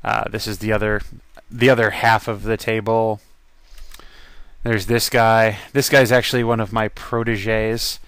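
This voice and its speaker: A man's voice: fairly low pitch, little pitch movement, measured pace, fairly bright tone, clean tone, dry recording. A man casually narrating a slideshow of his convention photos as a voice-over, chatty and rambling, with frequent ums and laughs.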